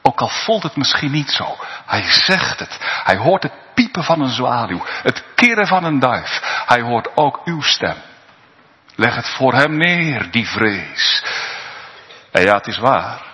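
A male pastor preaching a sermon in a church, slow and earnest, swelling into pleading appeals. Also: medium pitch, very animated, sharp tone. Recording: long reverb, dull sound in a church.

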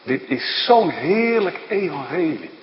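A male pastor delivers an impassioned sermon at an unhurried, deliberate pace. His pitch sits a little high and swings widely, climbing for loud declarations and sinking for quiet questions. The voice rings through a reverberant church hall with a long tail. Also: very animated, dull audio, slight background noise. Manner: impassioned preaching, swinging between loud rising declarations and low hushed questions.

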